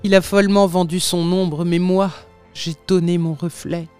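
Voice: medium pitch, fairly even intonation, measured pace, darkish tone, faint music behind, natural voice. A reader voicing an anguished little man who shifts between young and old, speaking in mournful, sighing pleas in an audiobook of a classic tale. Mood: despairing.

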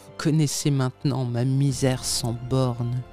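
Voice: mid-range voice, level tone, measured pace, dark tone, faint music behind, pitched below the performer's own voice, lightly acted. A reader voicing an anguished little man who shifts between young and old, speaking in mournful, sighing pleas in an audiobook of a classic tale. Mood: despairing.

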